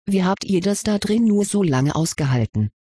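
Serious young wizard boy in a storybook, quiet and guarded, read by the narrator. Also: medium pitch, expressive, normal speed, slightly rough. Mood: tense. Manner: subdued, hiding his fear. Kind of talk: audiobook reading.

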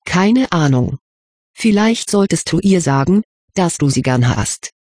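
A croaky, worn-out teenage witch girl voiced by an audiobook reader grumbles in a husky, breathy tone. The recording is dry and close, with no room sound. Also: mid-range voice, lively intonation, measured pace, darkish tone, dry recording. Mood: gentle. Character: weary teenage witch girl, sharp-tongued. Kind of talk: audiobook reading.

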